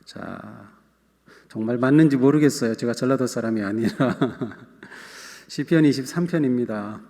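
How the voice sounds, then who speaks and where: Man, pastor, relaxed humorous sermon, addresses congregation, medium pitch, echoing church hall. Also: unhurried, creaky. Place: church sanctuary. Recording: long church hall reverb.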